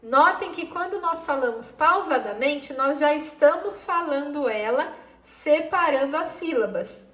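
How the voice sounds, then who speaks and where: A Brazilian woman teaching a school lesson to children, explaining patiently, spelling words out slowly and calling her pupils affectionate names. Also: high voice, animated, a bit bright, echoey room, a little hiss or hum. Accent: Brazilian Portuguese.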